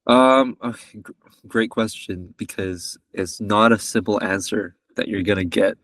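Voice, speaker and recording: A young man from Malaysia talks as a podcast guest, joking and rambling as he keeps correcting himself. His voice sits a little low. It sounds dry and slightly distant from the mic. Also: measured pace, a bit bright, dry recording. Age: 20s. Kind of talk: casual chat.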